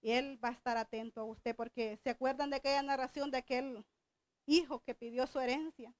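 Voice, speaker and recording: High-voiced woman preaching a sermon. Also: fairly even intonation, fairly quick. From El Salvador. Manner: conversational, asks the congregation questions.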